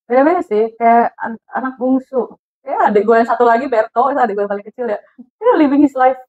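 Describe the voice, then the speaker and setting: Woman, podcast co-host, animated storyteller, higher voice, muffled lo-fi sound. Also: brisk, a little hiss or hum. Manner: animated storyteller, laughs often, mixes in English. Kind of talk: casual chat. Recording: dull lo-fi podcast audio.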